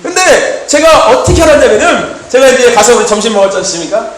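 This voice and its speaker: A man preaching a sermon, telling stories with lively energy and punching key lines with shouted emphasis and calls of amen. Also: very high-pitched, fast, a little hiss or hum. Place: church hall. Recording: echoey church hall. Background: congregation answering amen.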